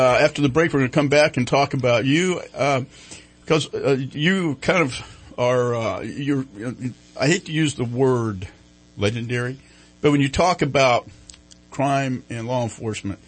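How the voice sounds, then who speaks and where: Husky male radio host, folksy and casual. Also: medium pitch, moderate pace. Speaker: radio talk show host. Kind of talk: casual live radio chat. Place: radio studio.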